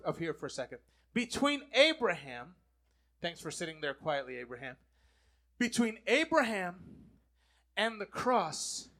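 Guy preaching a sermon, really high voice, has the crowd say words back. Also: pushed and bright. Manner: call-and-response preaching, asking the congregation to repeat. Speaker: pastor.

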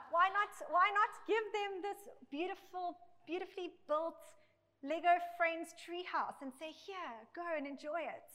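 A woman's voice: very high-pitched, unhurried, pushed and bright. Woman preaching, echoing through a big hall. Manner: conversational, often checks in with "okay". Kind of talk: sermon. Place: large church hall with a congregation. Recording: echoey recording in a big hall.

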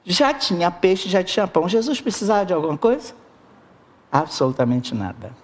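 A preacher delivering a sermon with an expressive manner, talking straight to the congregation. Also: medium pitch, normal speed. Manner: expressive, addresses the congregation directly.

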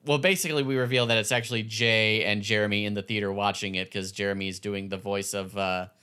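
A man co-hosting a podcast, recapping a show casually in halting phrases full of "like". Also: on the low side, steady tone, pushed and bright, clear, resonant tone. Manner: halting, filler-heavy phrasing with many "like"s. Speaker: podcast co-host.

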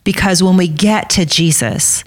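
A woman's voice: lowish voice, a little slow. A woman co-hosting a Bible study podcast, earnest and emphatic in a casual faith discussion, repeating her key phrases.

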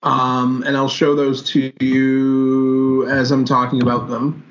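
A man co-hosting a casual hockey podcast, joking in a dry, deadpan way and then laying out his analysis step by step. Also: mid-range voice, takes it slowly, soft background music. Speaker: podcast co-host. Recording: dull lo-fi audio with faint hiss.

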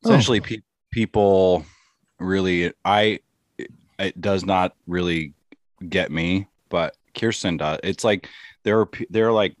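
A low-voiced man co-hosting a podcast, chatting casually. He rambles through his explanations with a steady stream of fillers. The sound is dry and close, with no room echo. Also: unhurried. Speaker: podcast co-host. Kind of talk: casual chat.

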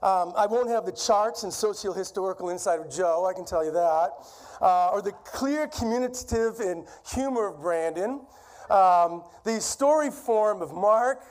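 High-voiced man with a Boston accent preaching. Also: animated, normal speed, a little mellow. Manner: conversational, self-deprecating. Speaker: guest preacher. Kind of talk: sermon. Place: church sanctuary.

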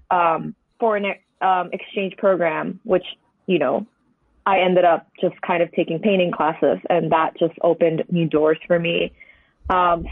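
A mid-range voice with a breathy edge comes through tinny, dry phone-line audio from a painter guesting on a conversational podcast interview. The speaker is a Hong Kong native in their twenties with Cantonese as a first language. They muse in a meandering way, hedging often.

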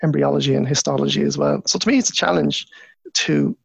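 Gravelly west of Ireland man, fairly high-pitched. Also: brisk, dry recording. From Galway, west of Ireland. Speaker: university lecturer in anatomy, interview guest. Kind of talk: casual conversational interview.

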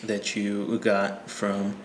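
A man's voice: lowish voice, completely flat delivery, drawn-out words. A man narrating as game master in a casual, joking way. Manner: casual, laughing, loose and joking. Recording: echoey room with faint ambient noise.

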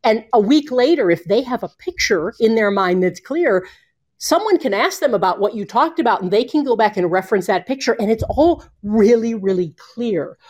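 A woman explaining communication skills in a conversational interview, animated and expressive, speeding up and slowing down for emphasis, speaking from home. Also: fairly high pitch. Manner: animated, expressive, shifting pace. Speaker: communication coach.

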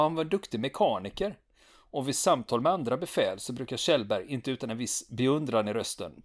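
A man telling a true story in a relaxed, conversational way, with frequent pauses and fillers. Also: medium pitch. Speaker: podcast storyteller.

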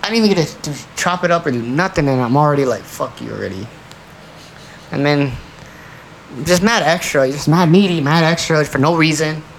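A man's voice: on the high side, fairly quick, a little hiss or hum, rough recording. A man co-hosting a podcast in casual chat, laid-back and profane, full of slang and "you know what I'm saying.". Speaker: podcast co-host.

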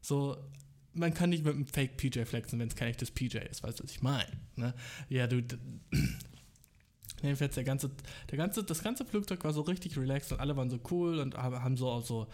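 A man's voice: mid-range voice, a little fast, darkish tone. A young man telling a rambling, casual story alone indoors, full of fillers and English slang.

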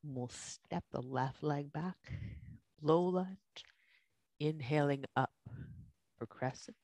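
A yoga instructor leads a guided class at a slow pace, coaching the breath with each movement. The cues come in short, spaced phrases at a middling pitch, in a dry, close sound. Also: darkish tone, no echo.

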